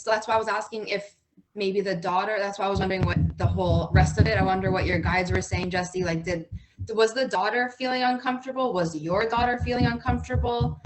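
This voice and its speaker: A woman's voice: mid-range voice, rough recording. A woman co-hosting a podcast in casual chat, talking hesitantly and trailing off with many fillers. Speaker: podcast co-host.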